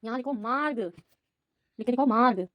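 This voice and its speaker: A woman with a high voice gives a patient home lesson to a young child. She asks question after question and repeats each answer so the child follows along. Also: normal speed, dull audio. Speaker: tutor teaching a child. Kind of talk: home tutoring, Hindi lesson.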